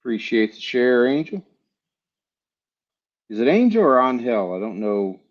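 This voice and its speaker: A man from Texas hosting a live comic book sale stream, talking in a relaxed, chatty way with many fillers. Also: mid-range voice, a little slow, dull audio. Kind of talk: casual live-stream sales chat.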